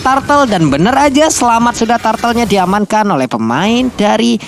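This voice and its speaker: An Indonesian man giving flowing play-by-play commentary as an esports shoutcaster. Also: sits high, sing-song, moderate pace, background noise.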